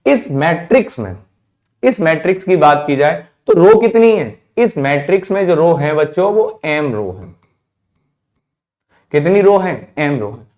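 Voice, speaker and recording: In a classroom math lecture, a man with a fairly high, darkish voice speaks a little slowly, his pitch swinging widely. He keeps quizzing the students, whom he calls "children," then answers himself with a dropped voice while repeating key terms.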